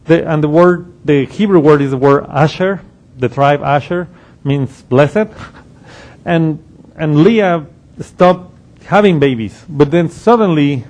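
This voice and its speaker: A man's voice: a little high, slow pace, darkish tone. A man preaching a sermon, explaining scripture verse by verse with frequent restarts and quoted passages. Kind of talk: expository sermon.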